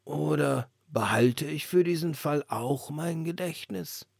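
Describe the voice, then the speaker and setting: A man's voice: on the high side, slow, gravelly, a little mellow, breathy edge, no echo, voice pushed up, heavily acted. A man voicing an old, anxious street lantern in a storybook reading, with a plaintive manner and a dry sound. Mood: fretful.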